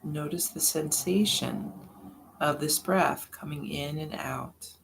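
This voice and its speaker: Soft and unhurried, this meditation guide walks listeners through their breathing with lengthy pauses in between. The medium-pitched voice has a gravelly texture, and there's faint noise in the background.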